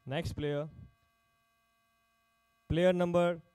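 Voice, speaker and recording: A man's voice: a little high, level tone, very slow, a little mellow, clean tone, no room sound. A man working as an auctioneer at a live sports player auction, calling out bids in short, repeated phrases.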